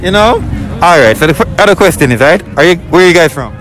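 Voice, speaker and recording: Fast-talking man interviewing on the street. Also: on the high side, expressive. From Jamaica. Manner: teasing, repeats questions. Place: busy beach promenade at night, outdoors. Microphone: handheld mic. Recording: loud crowd and music outdoors. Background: music and crowd.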